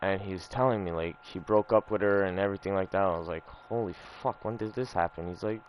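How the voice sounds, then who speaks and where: A man's voice: low-pitched, fairly quick, muffled recording, a little hiss or hum. A young man telling a personal story in casual, rambling chat over gameplay, swearing often and filling with "you know" and "like". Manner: rambling, profane, repeats himself with lots of fillers. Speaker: gaming streamer.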